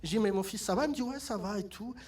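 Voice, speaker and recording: A man doing a stand-up comedy set on stage, telling stories with lively delivery and mimicking his mother. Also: high voice, very fast. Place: theatre stage with audience laughter.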